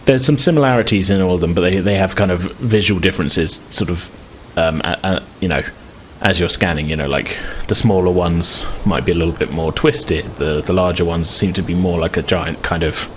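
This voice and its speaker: A man with a very low voice serves as game master for a tabletop game, improvising his narration of the scene in a hesitant, rambling flow. He speaks briskly with few pauses, and there is some faint noise behind him.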